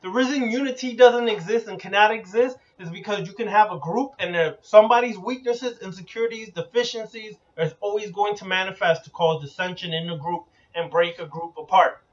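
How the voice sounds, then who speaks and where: Speaking a little fast with few pauses, a high-pitched man running an occult channel gives an emphatic, blunt preaching monologue. He leans on repeated slogans and occasional profanity, all on a dull lo-fi recording.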